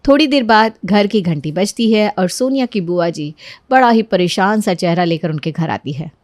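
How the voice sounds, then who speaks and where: A woman narrating a moral story in a calm, even way. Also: medium pitch, moderate pace, no echo.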